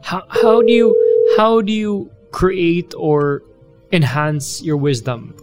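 A man's voice: high voice, slow pace, loud music behind the voice. Easygoing man in his thirties. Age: 30s. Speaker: former racer. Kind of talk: casual chat.

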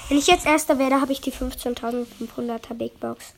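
A woman playing a video game with a friend, chatting casually and bursting into excited shouts. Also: high-pitched, a little fast, low-quality recording. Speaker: gamer. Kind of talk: excited gaming commentary. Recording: game music behind.

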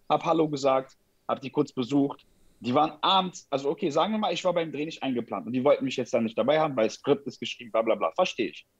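A man's voice: medium pitch, slightly rough, dry recording, highs cut off. A man telling anecdotes in casual chat, blunt and emphatic, often repeating his point.

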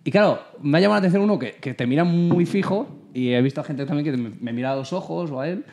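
A man's voice: fairly high pitch, fast, gravelly. A man from Spain telling an anecdote in a casual podcast chat, acting out the dialogue and laughing often. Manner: animated storyteller, acts out dialogue, laughs often. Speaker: podcast host.

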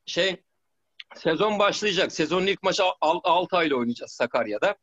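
A man's voice: sits high, animated, fairly quick, a bit bright, highs cut off. A middle-aged man, a former footballer, telling stories in a rambling way, with many restarts and "tamam mı?" checks. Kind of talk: casual storytelling interview.

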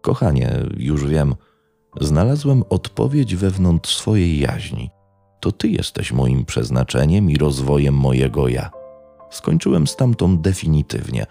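A man voicing a calm, deluded male killer who speaks slowly and evenly. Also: extremely low pitch, gravelly, soft background music, exaggerated voice. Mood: eerily calm. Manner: slow, eerily calm.

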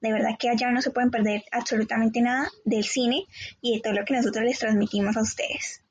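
A woman's voice: a little high, steady tone, a little fast, slightly rough, no room sound. An enthusiastic woman co-hosting a show and recommending films informally. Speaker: co-host of a film show. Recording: dull, lo-fi audio.

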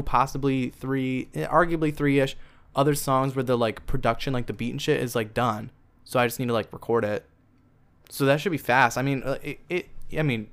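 A young man chatting casually in a rambling storytime vlog, full of fillers and asides. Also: mid-range voice. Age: young adult. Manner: chatty, rambling, lots of fillers like "like" and "you know what I mean". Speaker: musician vlogger.

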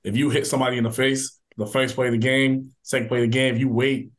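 Fast-talking young man, loose and chatty. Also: medium pitch. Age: young adult. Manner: relaxed, filler-heavy, quick talk. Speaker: college football player. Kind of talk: casual interview answers.

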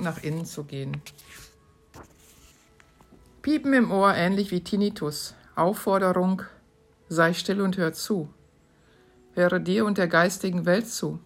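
A woman hosting her podcast, reading short questions aloud from her own book in a calm, measured way. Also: fairly low pitch. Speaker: podcast host.

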